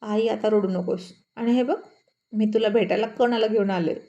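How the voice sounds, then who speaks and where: A woman's voice: medium pitch, steady tone, moderate pace, warm tone, lo-fi sound, lightly acted. A woman voicing a firm but caring grown son in a storybook reading, coaxing and stern by turns.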